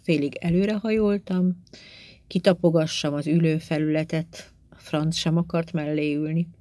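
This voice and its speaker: A woman narrates a first-person story in a calm, measured and subdued manner. Her voice sits low. The recording is close and dry, with no room sound. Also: no echo. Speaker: audiobook reader.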